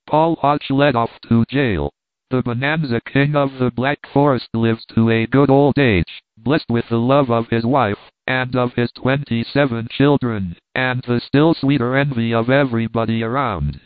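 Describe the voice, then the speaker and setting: A man's voice: medium pitch, dry recording. A man narrating an audiobook in a dry, wry storytelling manner. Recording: dry, tinny phone-like sound.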